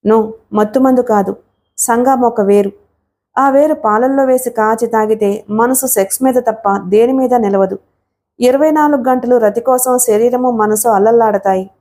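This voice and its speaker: A woman voicing a male companion who explains things in a hushed, urgent way. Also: a little high, moderate pace, natural voice. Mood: explaining.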